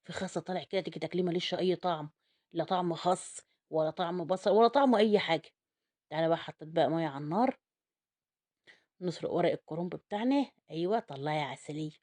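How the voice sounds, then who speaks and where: A woman with an Egyptian accent, a home cook taking food orders, chatting through a casual cooking vlog. She talks straight to her viewers and turns loud and indignant over food prices. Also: on the low side, fast talker. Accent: Egyptian Arabic.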